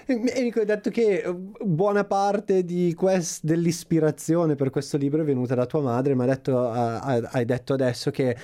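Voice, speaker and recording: A man's voice: a little high, steady tone, normal speed, hardly any pauses, dark tone. A man hosting a conversational radio interview, putting questions to a guest and addressing listeners.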